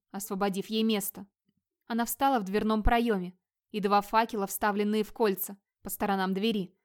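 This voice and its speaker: A woman narrating an audiobook in an even, measured storytelling manner. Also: medium pitch. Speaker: audiobook reader. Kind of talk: scripted narration.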